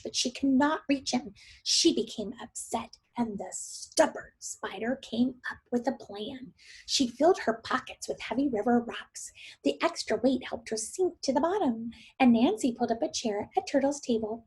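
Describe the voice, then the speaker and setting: Reading to a group of young children, this female teacher speaks at a moderate pace with a fairly high, slightly rough voice. She brings the story to life expressively and keeps asking her listeners questions as she thinks aloud. The recording itself is rough.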